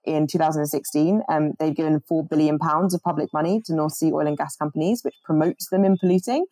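Over a video call, a young climate organizer talks earnestly and quickly about her organizing work, often restarting sentences as her thoughts race ahead. Born in Jamaica and raised in the UK, she has a low, mellow voice, and the audio is poor, dry, close and echo-free.

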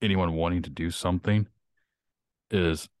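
Podcast host, male, deep voice, blunt profane ranter, dry close sound. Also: steady tone, normal speed, darkish tone, no echo. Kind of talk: casual chat.

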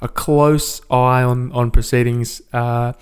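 A man's voice: medium pitch, flat delivery, slow, smooth. A male podcast co-host chatting casually about cricket, laid-back and jokey.

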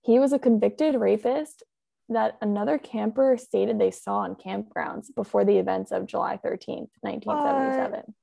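A woman's voice: mid-range voice, moderate pace, creaky, dark tone. A young woman podcast host telling a true-crime case in a chatty, casual way, full of "like" and "um". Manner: chatty, full of "like" and "um", laughs often.

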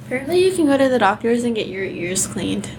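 A woman's voice: fairly high pitch, sing-song, fast talker. A woman taking part in a podcast, talking in a casual, conversational style. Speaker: podcast participant. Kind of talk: casual chat. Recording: very noisy, clicky room recording.

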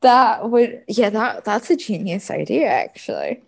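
A woman co-hosting a podcast, mostly reacting with quick remarks. She laughs often and keeps her turns short in a casual chat. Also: mid-range voice, wildly swooping pitch, creaky. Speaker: podcast co-host.

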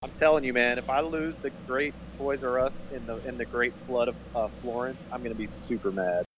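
A man's voice: mid-range voice, steady tone, brisk, noisy background. A man co-hosts a podcast with an ordinary mid-range voice. He cracks jokes and laughs easily in loose, casual banter with the others. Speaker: podcast co-host.

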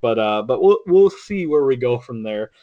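A man's voice: mid-range voice, animated, normal speed, dry recording, phone-quality sound. A man co-hosts a casual podcast in an easy, rambling way. He restarts his sentences often and leans on fillers. The sound is dry, with no room around it. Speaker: podcast co-host. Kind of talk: casual chat.

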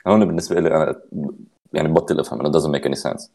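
A man's voice: rumbling low, steady tone, rapid-fire, vocal fry, warm tone. A man with a Lebanese accent chats casually on a podcast, blending Arabic and English in the same sentence.

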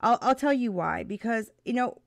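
A woman co-hosting a live-stream talk, chatting casually, animated and laughing often, with many restarts. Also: a little high, moderate pace, creaky, a crowd in the background.

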